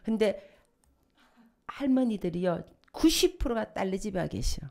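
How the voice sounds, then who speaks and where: A woman's voice: mid-range voice, a little slow, creaky. An older woman, a pastor's wife, giving a sermon with humorous stories and sudden swells into fervent prayer. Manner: humorous, lively storytelling with sudden emotional swells. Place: church sanctuary.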